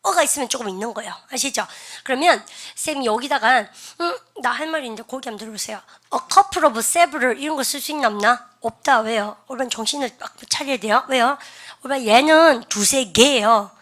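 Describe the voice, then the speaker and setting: Teaching English grammar, a forceful, bright-voiced woman talks fairly quickly in a slightly high register. Her chatty classroom lecture mixes questions to the students with phrases they must say back aloud.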